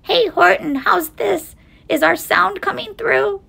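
Woman putting on a tiny high-pitched pleading mayor. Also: very animated, a little slow, gravelly, fairly bright tone, exaggerated voice. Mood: hopeful. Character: tiny, frightened, polite male mayor of speck people.

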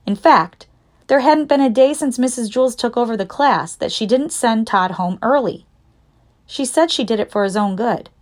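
Woman reading a children's book aloud. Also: on the high side. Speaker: audiobook narrator.

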